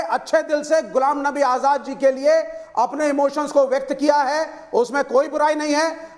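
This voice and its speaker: A man with a strikingly high voice argues as an opposition panelist in a heated television debate. He is insistent, cutting in and repeating one question until it is answered.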